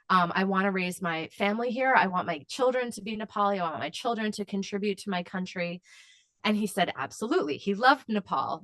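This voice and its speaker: A woman's voice: mid-range voice, a bit bright, no room sound. Earnest woman advocate, dry close sound. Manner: impassioned, with frequent fillers and restarts. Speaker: advocacy guest. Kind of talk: earnest interview answer.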